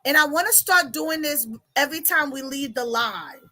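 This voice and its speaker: A woman, hosting a casual livestream as a life coach, chatty and animated with frequent laughter. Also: high-pitched, moderate pace. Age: 40s. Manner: animated, laughing, chatty, reads comments aloud.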